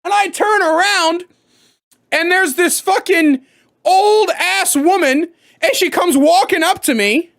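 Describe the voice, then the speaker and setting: A man in his thirties telling a profane comic story to camera, animated and bursting into loud outbursts. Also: very high-pitched, slow pace, gravelly. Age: 30s. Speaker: comedic storyteller. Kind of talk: profane comedic storytime rant.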